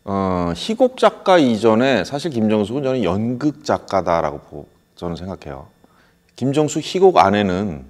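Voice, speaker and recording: Man, theater director, thoughtful interview, low pitch, long reverb. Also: a little mellow. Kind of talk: documentary interview.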